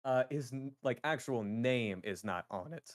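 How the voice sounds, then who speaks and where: A man running a tabletop fantasy game, moving between deliberate scene narration and hesitant conversational asides. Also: mid-range voice, lively intonation, no echo, clean studio sound. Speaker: game master.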